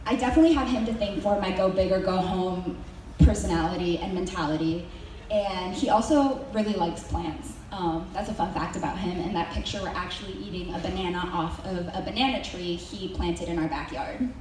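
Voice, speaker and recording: Recorded from a distance in a very echoey hall with slight background noise, a young Mexican woman delivers a senior presentation to her school. She sounds fairly low-pitched, fairly quick and a little mellow, hesitating through many ums and tossing in dry jokes.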